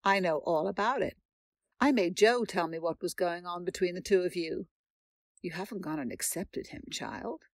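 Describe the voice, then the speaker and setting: A woman's voice: on the low side, expressive, normal speed, no room sound, studio quality. A woman playing a stern, imperious elderly rich aunt who scolds her niece, in an audio drama. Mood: scolding. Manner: haughty, scolding. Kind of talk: radio drama acting.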